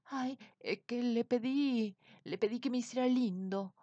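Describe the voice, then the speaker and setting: A woman's voice: fairly high pitch, unhurried, mellow, dry recording, lo-fi sound, voice pushed up. A woman voicing an ugly blue man full of remorse, pleading and apologizing. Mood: apologetic.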